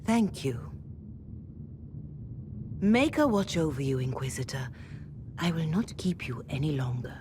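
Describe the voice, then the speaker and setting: A woman's voice: sits low, animated, a little slow, long pauses, background noise. A woman voicing a courteous, solemn reverend mother in a fantasy video game, speaking in a formal, deferential way.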